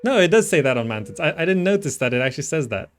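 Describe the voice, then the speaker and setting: A man hosting a gaming video talks very fast in a slightly high, very animated voice. He gives casual commentary on the game, thinking aloud and frequently drifting off mid-thought as he muses. Game music plays underneath.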